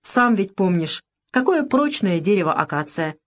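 Woman narrator playing a frail, fretful old father in an audiobook, voice pushed a little higher. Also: sing-song, normal speed, close to an everyday voice. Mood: rueful. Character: older man, frail father with asthma, shortsighted.

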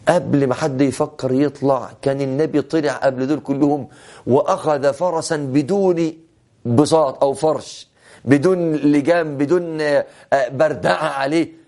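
A man's voice: fairly high pitch, fairly even intonation, moderate pace, a little mellow. A man with an Egyptian Arabic accent preaching a sermon, telling stories dramatically and repeating phrases for emphasis. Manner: dramatic, shifts between classical and colloquial, emphatic repetition. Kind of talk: sermon storytelling.

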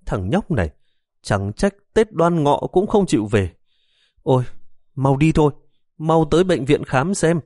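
A man's voice: mid-range voice, a little mellow, no room sound, studio quality, pitched above the performer's own voice. A man voicing a fussy, worried old mother who nags and scolds her grown son. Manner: scolding, fretful.

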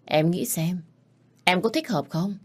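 A woman voicing a cold, cruel rich young man who speaks in a low, menacing way. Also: unhurried.

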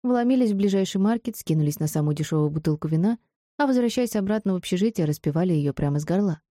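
A woman reads a first-person novel aloud with steady storytelling. Her voice is low and very mellow. The recording is dry and close, with no room sound. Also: quick pace, no echo. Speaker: audiobook reader. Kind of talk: first-person audiobook narration.

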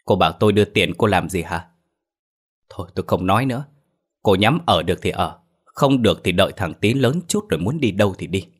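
A man's voice: low voice, lively intonation, fairly quick, breathy edge. A man voicing a stern young husband scolding his wife with held-back anger. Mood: bitter reproachful. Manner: reproachful, clipped, scolding.

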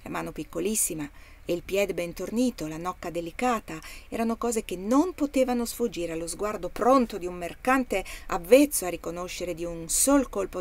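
A woman reading a classic novel aloud as an audiobook, measured and expressive. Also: lowish voice. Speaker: reader of a novel.

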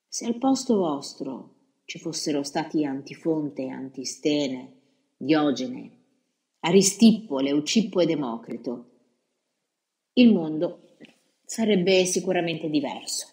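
Low-voiced woman narrating a novel. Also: dark tone. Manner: measured, dramatic reading. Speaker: audiobook reader. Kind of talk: first-person novel narration. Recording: roomy echo.

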